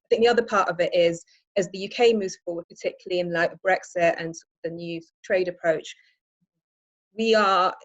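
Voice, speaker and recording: Low-voiced woman campaigner, dull call audio. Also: fairly even intonation, fairly quick. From Iraq. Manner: hesitant, many restarts and ums. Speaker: environmental campaigner. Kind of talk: webinar presentation.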